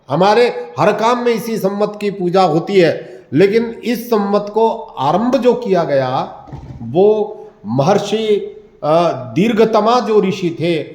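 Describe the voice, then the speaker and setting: A man gives a devotional talk in a slightly high voice, telling an old story and then listing rites one after another with small pauses. The room around him rings with echo. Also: a little mellow. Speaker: religious teacher. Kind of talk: devotional discourse.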